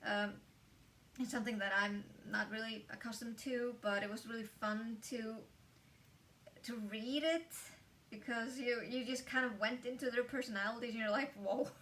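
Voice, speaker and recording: A woman's voice: on the high side, steady tone, normal speed, fairly bright tone, far from the mic, slight background noise. A woman casually reviewing a book, talking in a chatty way with lots of fillers and restarts.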